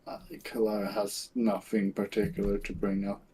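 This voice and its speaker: A man's voice: lowish voice, monotone, normal speed, dark tone, breathy edge, low-quality recording. A man chatting casually as a player at a tabletop role-playing game.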